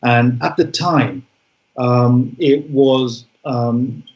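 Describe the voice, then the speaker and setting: A man's voice: medium pitch, fairly even intonation, drawn-out words, soft background music. Reflective man in an echoey room. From Bangladesh. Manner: reflective, frequent ums and restarts. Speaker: guest. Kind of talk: interview conversation. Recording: echoey room, dull sound.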